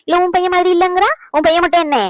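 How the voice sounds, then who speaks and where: A woman voicing a sharp-tongued, caring mother-in-law in a cartoon, scolding and coaxing. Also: extremely high pitch, steady tone, dry recording, rough recording. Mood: indignant. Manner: scolding, fast and bossy. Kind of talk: cartoon dubbing.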